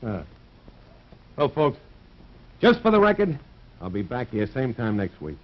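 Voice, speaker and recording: Wry private eye, animated delivery. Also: male voice, medium pitch, a little slow. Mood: wry, friendly. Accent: American. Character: wry, cool-headed American private detective. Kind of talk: 1950s crime drama acting. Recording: dull vintage broadcast sound.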